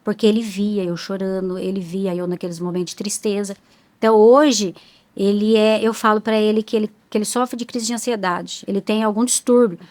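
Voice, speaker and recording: Soft-spoken woman sharing her story. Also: mid-range voice, steady tone, fairly quick. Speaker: podcast guest. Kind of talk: personal testimony in conversation.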